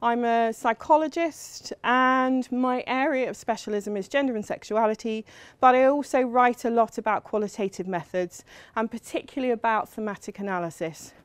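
A middle-aged woman from England lecturing at a university, her voice pitched a little high. She talks in a chatty, self-deprecating way, full of ums and asides. The sound is dry and close. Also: moderate pace, hardly any pauses, clear, resonant tone, no echo. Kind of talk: academic lecture.

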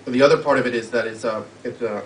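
A man introducing his poem at a live reading, halting and searching for words as he explains it. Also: mid-range voice. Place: live literary event hall. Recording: roomy, distant live mic with faint hum.

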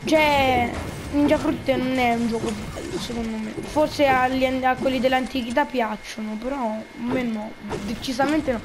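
A woman giving casual gameplay commentary, rambling and jokey, now and then yelling taunts at other players. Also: high voice, fairly even intonation, normal speed, over music. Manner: rambling and jokey, trash-talks opponents in bursts. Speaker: gaming video creator.

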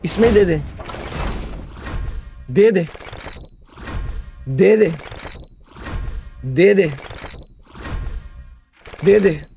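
A man in his twenties with an Indian accent talks in a high voice with vocal fry, extremely slowly and with frequent pauses, faint music behind him. Streaming games from an indoor desk setup, he chats casually and hypes things up in repetitive, animated slang.

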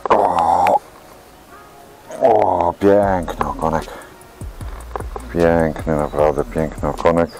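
Very deep, slow-talking man over music. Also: level tone, rough recording. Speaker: fishing vlogger. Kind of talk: casual commentary while fishing.

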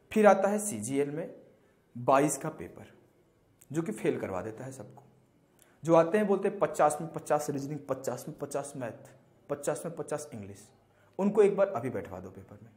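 A young man giving exam preparation advice to students in a direct, joking coaching style. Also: sits high. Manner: animated, joking, direct address. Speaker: exam prep teacher.

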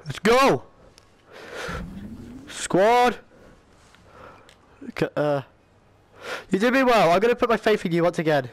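A man commentating his VR game play, excitable and swearing, shouting at the game. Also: high voice, fast, no room sound. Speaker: gamer.

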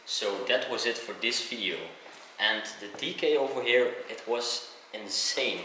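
A man's voice: medium pitch, measured pace, bright, forceful tone. A young man hosting an exploration vlog, chatting casually and laughing easily as he walks through a large abandoned mansion, recorded on a camera mic. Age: young adult. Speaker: urban explorer, channel host. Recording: echoey empty rooms with background hiss.

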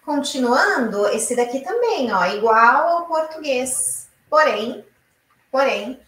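A woman from Brazil teaching an online Italian lesson, explaining slowly and repeating each example aloud. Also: high voice, animated, a bit bright, reverberant, distant mic, low-quality recording.

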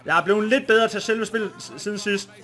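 A man streaming a football video game with a Danish accent, commenting live and getting excited, shouting and swearing often. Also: high-pitched, faint music behind. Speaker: gaming streamer.

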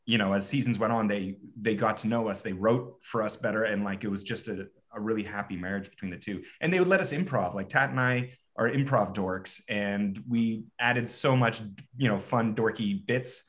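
A man's voice: on the low side, normal speed, hardly any pauses, a bit bright. A man talking casually on a panel as an actor, earnest, repeating words as he searches for them.

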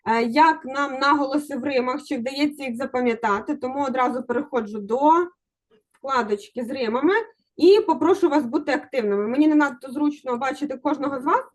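Woman teacher, high voice, encouraging, online exam-prep lesson, video call. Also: a little fast. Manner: encouraging, coaxing students to answer.

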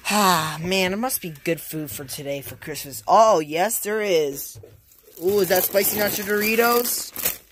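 A woman voicing an eager plumber hero who rambles excitedly to himself in a homemade plush toy skit. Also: on the low side, a little slow, a little hiss or hum, lightly acted. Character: eager plumber hero, a grown man who loves snacks.

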